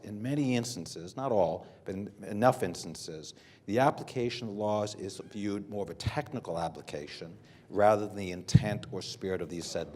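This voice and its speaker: Deep-voiced American man on a panel. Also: darkish tone. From United States. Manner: unscripted, measured, with frequent fillers and restarts. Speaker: panel speaker. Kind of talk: conference panel talk. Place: hotel conference room.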